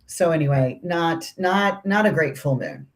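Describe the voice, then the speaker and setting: A woman's voice: low-pitched, very animated, measured pace. A woman co-hosting an astrology talk show, chatting casually and rambling with asides. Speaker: astrology podcast co-host. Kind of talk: casual conversational astrology discussion.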